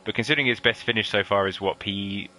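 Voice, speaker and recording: A man commentating an online racing league, joking with his co-commentator and getting excited at overtakes. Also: on the low side, quick pace. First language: English. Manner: lively, playful banter, excited at overtakes. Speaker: race commentator.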